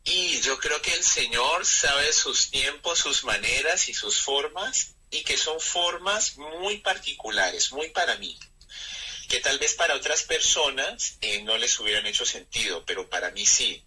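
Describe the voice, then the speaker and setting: A man in his thirties with a Colombian accent, a friar speaking reflectively and with pauses in an interview. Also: medium pitch, lively intonation, sharp tone, breathy edge, rough recording. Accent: Colombian Spanish. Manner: reflective, measured, with frequent hesitations. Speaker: Carmelite friar. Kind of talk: interview conversation.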